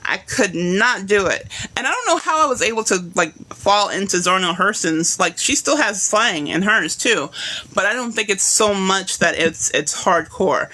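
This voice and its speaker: A woman's voice: medium pitch, expressive, normal speed, bright, forceful tone. A woman teaching a live online writing class, talking in a chatty way and acting out readers' reactions.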